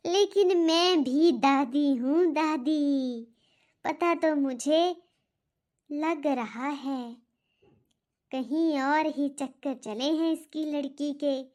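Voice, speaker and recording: A woman voicing a stern, nosy old grandmother who lectures slowly in a cartoon. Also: high-pitched, darkish tone. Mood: sly. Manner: slow, lecturing, reminiscing. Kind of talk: cartoon voice acting.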